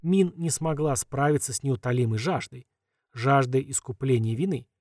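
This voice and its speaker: A man narrating a fantasy audiobook in a calm, measured way, often letting phrase endings fall quiet. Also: mid-range voice, no echo.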